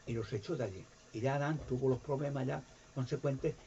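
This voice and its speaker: A man giving an impassioned religious monologue, animated, acting out voices and sounds. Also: fairly quick, slight background noise. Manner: animated, jumps in pitch to act out voices and sounds. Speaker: video presenter. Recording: dull lo-fi recording.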